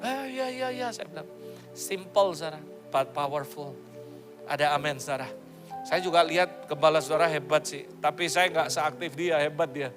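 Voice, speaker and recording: A man's voice: on the high side, fairly even intonation, moderate pace, over music. A male pastor preaching a sermon in a playful, joking way, slipping English phrases into his talk.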